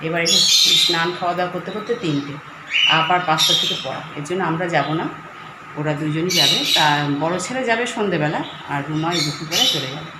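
A woman's voice: sits low, quick pace. A middle-aged woman chatting casually to her viewers in a home vlog, filmed on a phone. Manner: chatty, talks to viewers and coaxes a pet. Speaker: vlogger. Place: home, indoors. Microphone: phone camera. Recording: echoey room with loud background noise.

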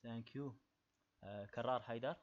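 Man, native Arabic, meeting coordinator, brief quiet remarks, lo-fi call audio, hiss. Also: medium pitch, moderate pace. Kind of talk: calling on participants. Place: video call. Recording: dull hissy video-call audio.

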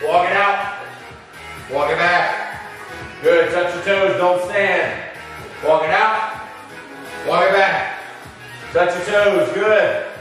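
Male fitness coach, high bright voice, unhurried counts and rallying pep-talk commands, exercising as he speaks, distant in an echoey room. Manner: rallying pep-talk cheerleading, short urging commands with whoops; exerting himself while talking. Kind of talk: live workout instruction with counting. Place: basement home gym. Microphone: camera several metres away. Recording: very echoey room, far from mic.

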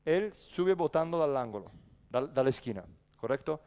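A man's voice: on the high side, animated, normal speed, mellow, clear, resonant tone. A man coaching a basketball practice in a large indoor gym, barking short commands and then explaining patiently. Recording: echoey gym reverb.

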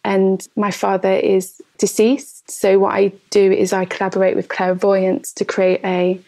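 A woman, a photographer and educator answering interview questions in a slow, thoughtful way. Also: medium pitch, completely flat delivery, warm tone. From East Midlands of England.

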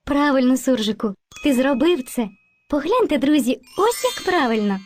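Woman voicing a gentle, high language spirit. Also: animated, normal speed, soft background music. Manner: gentle, coaxing, calls children endearments. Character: kind, patient female spirit of language, a teacher. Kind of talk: educational cartoon video.

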